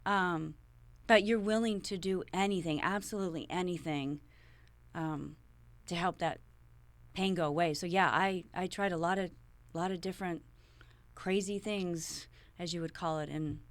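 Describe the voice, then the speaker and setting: A woman's voice: fairly low pitch, moderate pace, no echo. A middle-aged woman, a podcast guest, telling a personal story in a rambling way, often repeating and restarting her words.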